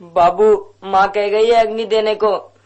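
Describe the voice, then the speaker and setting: Grieving poor village kid, begs tearfully, high voice, radio drama. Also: male voice, little pitch movement, slow pace, a little mellow. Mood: pleading. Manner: pleading, tearful. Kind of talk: Hindi radio drama acting.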